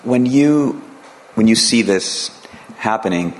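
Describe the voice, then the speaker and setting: Casting: male interviewer, low voice, faint background noise, stumbling questions. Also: lively intonation. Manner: halting, repeating words while forming questions.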